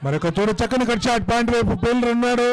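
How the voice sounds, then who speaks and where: వేగంగా మాట్లాడే తెలుగు యాస క్రికెట్ వ్యాఖ్యాత, పురుషుడు. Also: male voice, extremely high pitch, racing, smooth, low-quality recording. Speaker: cricket commentator. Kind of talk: live ball-by-ball cricket commentary.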